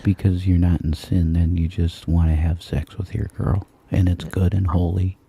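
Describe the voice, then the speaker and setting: A man's voice: low voice, flat delivery, normal speed, creaky, very noisy. A man talking casually on a livestream in an earnest, moralizing way, heard as a played clip.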